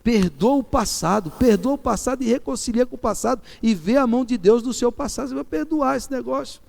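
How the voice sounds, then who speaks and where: A middle-aged Brazilian man preaching a sermon with a Brazilian Portuguese accent. He repeats key phrases and swings from loud, emphatic peaks to soft, pleading lines. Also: very high voice, brisk, creaky. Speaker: pastor.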